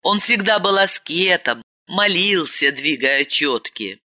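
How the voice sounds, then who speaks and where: A woman narrating a story in an expressive, dramatic reading. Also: lowish voice, takes it slowly. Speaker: audiobook narrator. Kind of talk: scripted narration.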